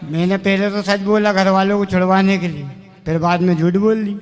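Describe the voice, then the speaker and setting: A man in the audience asking a guru questions with a deadpan delivery. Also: sits high, fairly quick. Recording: loud clicking noise.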